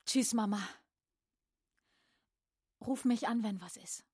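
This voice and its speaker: A caring daughter in her forties talks in a hurried way. Her voice sits a little high and sounds dry and close. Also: darkish tone, breathy edge, no room sound. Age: 40s.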